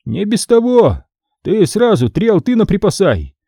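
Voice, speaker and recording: A man's voice: on the high side, sing-song, a little slow, warm tone, no echo, studio quality, pitched above the performer's own voice, full character voice. A man voicing a harsh, greedy medieval tax scribe who talks down sternly and threateningly.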